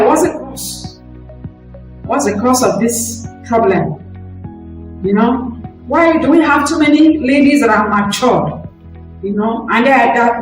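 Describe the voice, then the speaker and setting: A woman hosting a talk show, presenting with an emphatic, drawn-out delivery. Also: on the high side, very echoey, distant mic, poor audio. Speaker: host.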